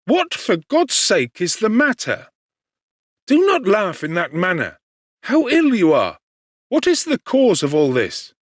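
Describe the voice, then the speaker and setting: A concerned young gentleman played by a male reader, pitched well up from a normal speaking voice and very animated. He is kindly and formal, pleading earnestly in a classic storybook manner, recorded dry and close. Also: unhurried, no echo, heavily acted. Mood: alarmed.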